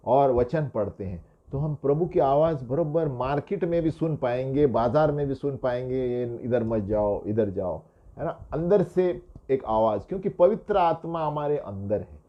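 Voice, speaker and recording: A man preaches in a relaxed, conversational teaching style, often tagging his points with quick questions to the listeners. His voice sits somewhat high for a man. The recording is dull and lo-fi. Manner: acts out quoted dialogue. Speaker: pastor. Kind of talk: sermon teaching. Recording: dull lo-fi sound.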